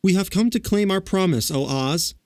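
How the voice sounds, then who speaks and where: A man voicing a young girl in a storybook, earnest and bold, exclaiming in a high voice. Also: normal speed, a little mellow, no echo, clean studio sound.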